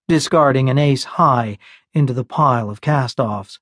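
A man narrating an audiobook in a measured, unhurried storytelling manner, recorded close on a studio mic. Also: medium pitch, fairly bright tone, dry recording. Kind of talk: scripted narration.

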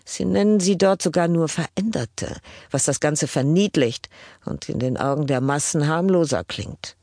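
A woman's voice: low-pitched, warm tone, dry recording, studio quality. Woman voicing a slurring, commanding old general. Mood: cold, contemptuous. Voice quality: slurred, indistinct speech. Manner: slow, commanding. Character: fanatical older male Prussian general, slurred speech.

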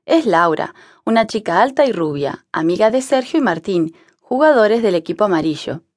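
A woman narrating an audiobook for language learners, reading in a clear, measured way on a close studio mic. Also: mid-range voice, expressive, no echo. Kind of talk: scripted narration.

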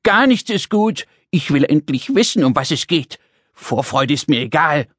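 A man voicing a tiny, excitable and impatient pink male creature in a children's audiobook, chattering nonstop in a whiny, fussy way. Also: high voice, a little slow, slightly rough, no echo, clean studio sound, voice pushed up, full character voice. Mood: shrill.

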